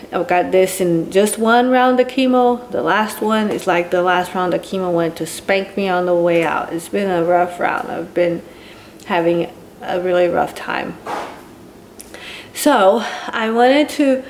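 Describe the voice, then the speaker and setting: A woman's voice: mid-range voice, slight background noise, poor audio. A woman giving an earnest, confiding personal video update, her speech slurred and thick from a painfully swollen tongue, sounding sore and tired. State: in pain and tired, speaking with a sore mouth. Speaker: vlogger.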